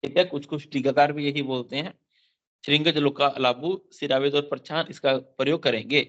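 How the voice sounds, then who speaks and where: Male Ayurveda tutor, bright and forceful delivery, repeats terms and checks in constantly, slightly lo-fi recording. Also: medium pitch, steady tone, fairly quick. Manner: explains Sanskrit verses line by line, repeats key terms; mixes in English terms, frequent "theek hai" check-ins. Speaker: Ayurveda teacher. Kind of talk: exam-focused lecture. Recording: dull lo-fi sound.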